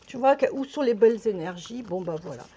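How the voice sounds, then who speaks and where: A woman's voice: fairly high pitch, animated, brisk, dark tone, slight background noise. A woman with a French accent chatting casually to camera as a vlogger, rambling and swearing lightly, a little out of breath.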